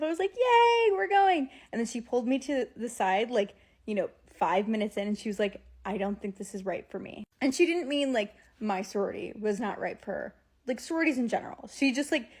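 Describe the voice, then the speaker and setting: Young american woman, bubbly sorority girl vibe, chatty casual storytime, says like a lot, mid pitch. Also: a little mellow. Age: young adult. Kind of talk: casual chat to camera, storytelling.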